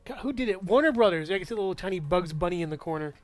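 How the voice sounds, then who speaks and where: A young man chatting through movie reviews in a rambling, offhand way, laughing to himself. His voice sits fairly high for a man. The sound is dry and close to the mic, with faint music underneath. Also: animated, very fast, no room sound. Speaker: movie reviewer, channel host. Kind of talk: casual movie review chat.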